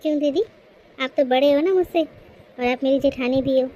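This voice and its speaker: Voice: high voice, normal speed, dark tone, highs cut off, lightly acted. A voice actor playing a sweet, curious new young bride in a cartoon, polite and inquisitive.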